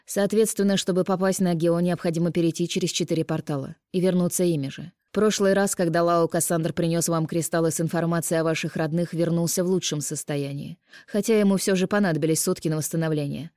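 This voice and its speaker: A firm, grumbling male healer explains and insists in a low, mellow voice, as a woman narrator puts him on. The recording is dry and close, with an audiobook feel. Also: steady tone, fast talker, few pauses, no room sound, lightly acted. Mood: explaining.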